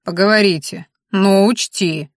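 A woman voicing a blunt, coarse orc chief's daughter with a steady, plain delivery. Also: mid-range voice, unhurried, no echo, studio quality, natural voice.

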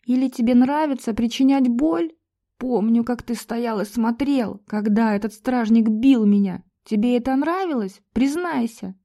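Woman reading as a cornered young woman lashing out, pitched high and loud, mellow tone underneath. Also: a little slow. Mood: bitter. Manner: shouting, pleading, breaking voice. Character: young homeless woman, defiant and frightened.

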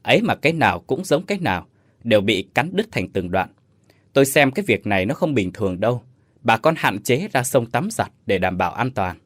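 A gruff older village chief warns the villagers in a deep, booming voice, as a man reads him. His delivery is authoritative, and the sound is dry and close. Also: big pitch swings, a little fast, a bit bright, dry recording. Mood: stern.

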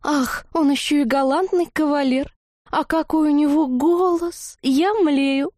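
A woman's voice: high-pitched, normal speed, warm tone, no room sound, clean studio sound, pitched above the performer's own voice, lightly acted. A woman doing a swooning honey-haired witch. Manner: swooning, breathless.

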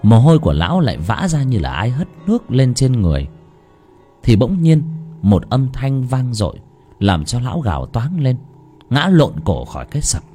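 Expressive husky male ghost-story narrator. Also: normal speed, faint music behind. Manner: expressive, swooping between high and low.

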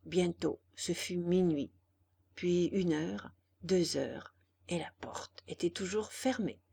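Slow, expressive woman reading a children's tale. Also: on the low side, vocal fry, slightly rough. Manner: expressive, deliberate storytelling. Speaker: audiobook reader. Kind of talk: storybook narration.

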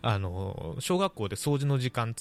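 A man's voice: mid-range voice, sing-song, normal speed, soft background music. A man chatting on a radio talk show, telling stories with laughs. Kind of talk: casual radio chat.

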